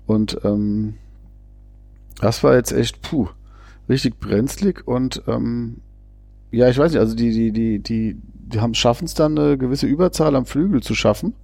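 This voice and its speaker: A man's voice: mid-range voice, measured pace, vocal fry, darkish tone, no echo. A man giving casual, chatty football commentary, often hesitating and restarting his sentences. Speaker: fan co-commentator.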